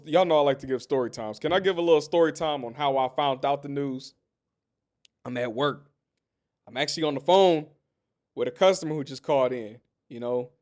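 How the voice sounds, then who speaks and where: A man hosting his own sports podcast, giving casual commentary, talking straight to listeners and telling stories. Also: on the high side. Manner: animated, talks straight to listeners, tells stories.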